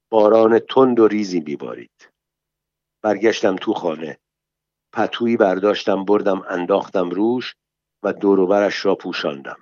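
Guy reading a first-person audiobook, calm and measured, close dry mic, kinda dull lo-fi sound. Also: fairly low pitch, no room sound. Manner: calm, measured, plain storytelling. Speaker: narrator.

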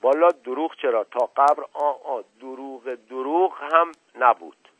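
A man's voice: medium pitch, no room sound, voice pushed up, close to an everyday voice. A male narrator voicing an evasive, folksy old male servant who drags out his words, on a tinny lo-fi radio recording. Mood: stubborn. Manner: drawn-out rustic turns of phrase.

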